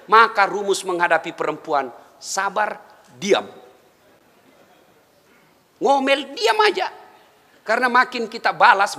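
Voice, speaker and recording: A man preaching a humorous sermon, chuckling and speaking directly to his congregation. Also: high voice. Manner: animated, chuckling, addresses the audience directly. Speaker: Islamic preacher. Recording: reverberant hall, faint background noise.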